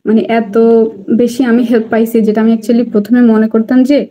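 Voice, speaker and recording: A young woman from Bangladesh, a student applicant, chatting excitedly on a video call and slipping English phrases into her talk. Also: on the high side, normal speed. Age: young adult. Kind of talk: casual online interview.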